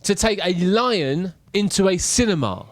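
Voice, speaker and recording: A man's voice: high-pitched, big pitch swings, unhurried. A man co-hosting a casual show, reading out facts and then riffing on them with jokes. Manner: playful, reads facts then riffs with jokes and silly voices. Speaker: co-host. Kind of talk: casual radio show banter.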